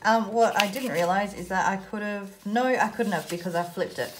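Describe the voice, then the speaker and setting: A woman's voice: medium pitch, normal speed, noisy background. A woman with an Australian accent giving a casual craft tutorial, chatting informally and self-deprecatingly as she thinks aloud while working. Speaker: host of a children's craft video.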